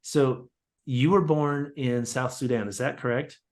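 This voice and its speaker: An upbeat man co-hosts a podcast, introducing his guest with enthusiasm. His voice sits at a medium pitch and he keeps a friendly, conversational pace. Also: steady tone, measured pace, a little mellow. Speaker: podcast co-host. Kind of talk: podcast interview hosting.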